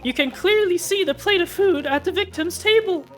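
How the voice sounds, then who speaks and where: A woman voicing an indignant courtroom witness who shouts outraged denials in an amateur game voice-over. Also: very high voice, normal speed, soft background music, voice pushed up.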